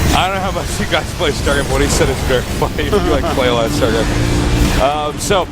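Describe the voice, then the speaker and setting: A man giving casual, joking live commentary as an esports co-commentator. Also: on the high side. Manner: joking, conversational. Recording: loud game music and effects behind.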